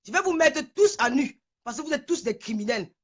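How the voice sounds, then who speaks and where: A woman's voice: high voice, animated, fairly quick. A woman on a live stream, trembling with anger, who hurls insults, repeats herself and stammers when worked up. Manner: furious, insulting, repetitive. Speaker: livestreamer. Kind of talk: angry livestream rant. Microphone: phone on a live stream.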